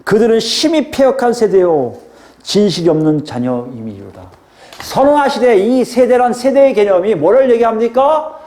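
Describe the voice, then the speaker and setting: A man's voice: sits high, a little mellow. A male pastor preaching a sermon, explaining scripture and putting questions to the congregation.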